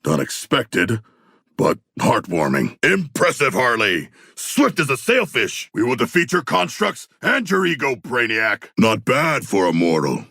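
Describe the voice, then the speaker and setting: An actor playing a huge, proud, bookish male shark warrior in a video game, speaking in formal, stilted, literal-minded phrases with a gravelly, husky voice. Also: mid-range voice, huge pitch swings, a little slow, sharp tone, dry recording, studio quality, full character voice. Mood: formal, deadpan. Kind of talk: video game character voice lines.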